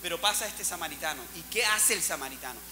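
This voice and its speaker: A man preaching a sermon to his church, with big swings in loudness as he acts out the people in the story. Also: a little high, lively intonation, fast talker, big-room sound, over music. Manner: preaching with dramatic swings, acting out Bible characters. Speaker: pastor.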